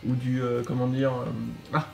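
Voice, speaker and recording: A man co-hosts a toy review in a casual, conversational way. His voice sits at an average pitch, and he tends to repeat a phrase as he comments. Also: flat delivery, measured pace, creaky. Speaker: co-host reviewing a toy set. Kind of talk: casual chat, product review.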